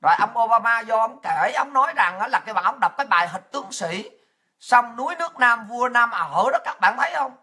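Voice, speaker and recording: A woman's voice: fairly high pitch, expressive, a little fast, pushed and bright, breathy edge. A woman with a Southern Vietnamese accent giving an angry, profane political rant. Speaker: political commentator.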